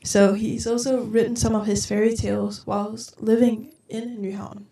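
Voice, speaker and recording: An eighteen-year-old woman from Denmark, a guest on a school podcast, talking with many pauses and ums. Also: a little high, flat delivery, vocal fry. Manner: hesitant, many ums, drifting softer. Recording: roomy, distant from the mic.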